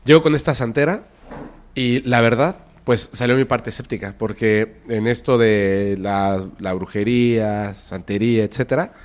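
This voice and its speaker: Unhurried and fairly low-pitched, a podcast guest with a Mexican accent recounts a frightening story. He heightens the drama with whispers and sudden loud outbursts.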